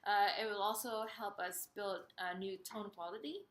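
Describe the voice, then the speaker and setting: A woman giving an instructional singing lesson, explaining step by step in a hesitant, pausing way. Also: medium pitch, fairly even intonation. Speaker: singing teacher. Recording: roomy, echoey sound.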